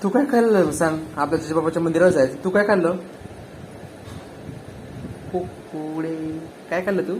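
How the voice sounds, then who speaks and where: A man in a casual home video, coaxing a toddler in a playful sing-song voice that climbs high on his questions and breaks into laughter. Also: moderate pace, pauses often, noisy background. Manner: laughs warmly between prompts. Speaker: family vlogger filming a toddler.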